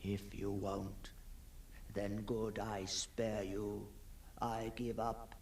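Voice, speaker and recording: An actor voices a haunted, obsessive gentleman recounting his own ghost story in a theatrical, halting radio monologue that often sinks into breathy whispers. His fairly low voice barely shifts in pitch and sounds grave and weary, with slight background noise.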